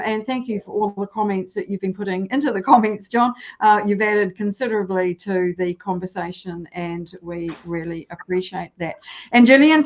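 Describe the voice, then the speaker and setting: A woman's voice: medium pitch, lo-fi sound. A woman hosting a live video interview, wrapping up with thanks and a few hesitant fillers. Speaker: host.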